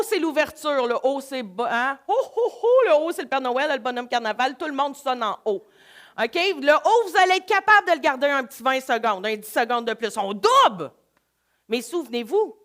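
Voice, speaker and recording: Woman, Québécois accent, high-pitched, energetic, coaxing, live workshop leader. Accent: Québécois French. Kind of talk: live workshop talk to an audience.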